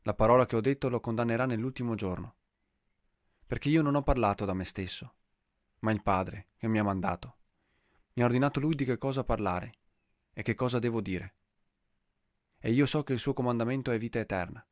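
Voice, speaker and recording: A man reading the daily Bible passages aloud in a measured, solemn liturgical style. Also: medium pitch, dry recording, clean studio sound. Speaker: scripture reader.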